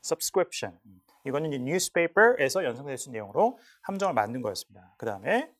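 Animated male English lecturer. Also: medium pitch, rapid-fire. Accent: Korean. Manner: animated, repeats words to model pronunciation. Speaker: English test instructor. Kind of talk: lecture explaining listening questions.

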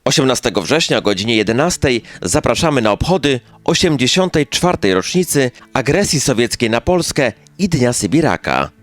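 Man, scripted news narrator, animated intonation, background music. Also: mid-range voice, normal speed, hardly any pauses, no room sound. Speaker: newsreel narrator. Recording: music bed behind the voice.

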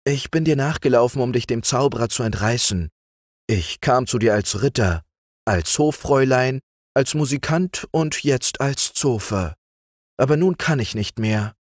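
A man's voice: mid-range voice, animated, unhurried, no room sound, studio quality, voice pushed up. A man doing Bertha, a tearful homesick girl. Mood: earnest. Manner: plaintive, soft and lamenting.

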